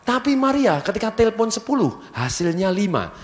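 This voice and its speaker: A man's voice: sits high, a little fast. A man giving a motivational business seminar to a live audience, energetically firing questions for them to finish. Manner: energetic, keeps asking the audience fill-in questions. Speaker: seminar speaker. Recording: long hall reverb from a venue PA.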